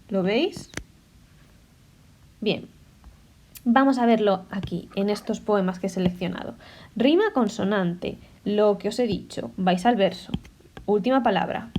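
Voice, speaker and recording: A woman language teacher explaining a topic to her class. She checks patiently with short questions and sounds out word endings slowly. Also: medium pitch, mellow.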